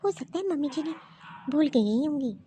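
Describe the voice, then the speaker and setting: A woman voicing a mild, busy young daughter-in-law in an animated cartoon story, puzzled and often talking to herself. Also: sits high, a little fast, slight background noise.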